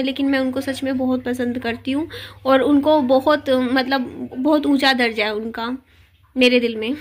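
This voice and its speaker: An adult widow with a high, slightly bright voice records a heartfelt confession for her viewers. She talks earnestly, often using fillers and starting over, and her throat sounds a little sore.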